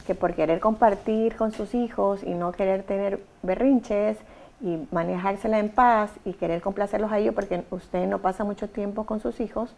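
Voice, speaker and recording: Lady hosting a parenting show, gravelly mellow voice, very emphatic. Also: mid-range voice, steady tone, moderate pace. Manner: emphatic, direct instructions to mothers. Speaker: talk show host and therapist. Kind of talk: advice talk show.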